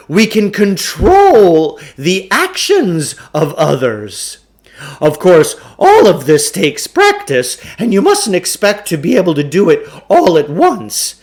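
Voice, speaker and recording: A man reads a children's novel aloud in character, voicing a pompous, theatrical and eccentric salesman who lectures with deliberate self-importance. He uses a high-pitched, exaggerated voice.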